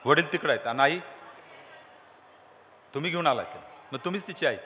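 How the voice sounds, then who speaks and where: A man's voice: on the high side, a little fast, bright, forceful tone, a little hiss or hum. A man preaching to a crowd, teasing them and asking call-and-response questions. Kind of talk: lively sermon with crowd games. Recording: long hall reverb.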